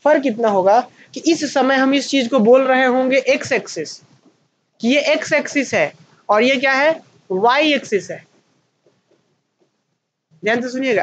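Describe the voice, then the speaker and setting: A man with an Indian accent teaching a maths class, asking questions and answering them himself and slowing down to dictate notes. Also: very high voice, dull audio, slight background noise. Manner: slows right down to dictate notes. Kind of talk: online maths lecture at a whiteboard.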